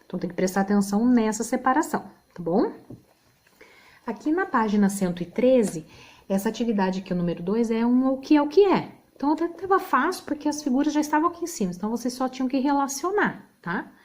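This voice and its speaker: A woman's voice: a little high, animated, fast talker, darkish tone. A woman with a Brazilian Portuguese accent teaching a remote spelling lesson, patient, checking in with the class often.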